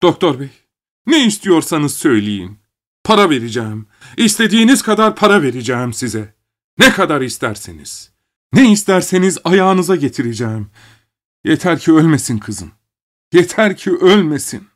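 A man's voice: a little high, animated, moderate pace, hardly any pauses, darkish tone, breathy edge, voice pushed up. A man voicing a desperate peasant father who pleads in broken, crying phrases. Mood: frantic pleading.

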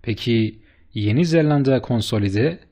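A man voicing an eager, flattering bearded businessman who speaks with emphatic enthusiasm in an audiobook. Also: mid-range voice, unhurried, lightly acted. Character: eager, fast-talking bearded businessman, middle-aged man.

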